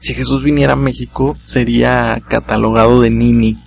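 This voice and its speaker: A man's voice: medium pitch, level tone, moderate pace, creaky, faint music behind. A man with a Mexican accent hosting a solo comedy podcast, rattling off jokes in a casual, slangy way and laughing at his own lines. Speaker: podcast host.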